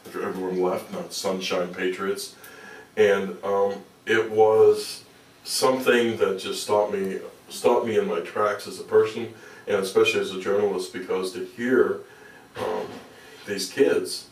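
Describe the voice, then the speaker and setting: An older man, an activist interview guest, telling casual anecdotes in halting, repetitive, slangy phrases. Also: on the low side, darkish tone. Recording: echoey room, distant from microphone.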